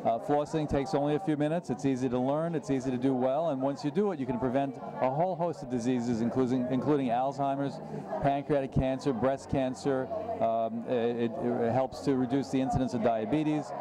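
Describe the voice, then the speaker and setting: A man giving an informal interview as a dentist guest, speaking haltingly and repeating words. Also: medium pitch, steady tone, a crowd in the background. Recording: loud urban ambient noise.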